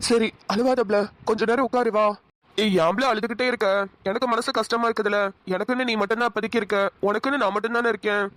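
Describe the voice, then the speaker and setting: A voice actor plays a caring young village husband in a cartoon, speaking in a coaxing, reassuring, rustic way. The mid-range voice is steady, fast and a bit bright, close to an everyday voice.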